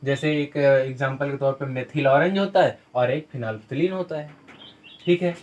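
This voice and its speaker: A man's voice: medium pitch, normal speed, darkish tone, muffled recording. A man teaching a school science lesson, explaining with everyday examples and asking questions before he answers them. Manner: explains with everyday examples and rhetorical questions, clears throat now and then.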